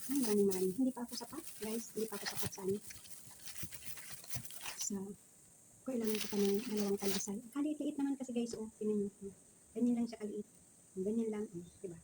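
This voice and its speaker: A noisy recording with roosters behind a Filipino woman vlogger. She talks at a medium pitch with the speech of someone missing front teeth. She chats casually to her viewers between bites of food. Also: fast talker, pauses often. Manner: talks while eating, savouring with small hums. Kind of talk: casual mukbang chat to viewers.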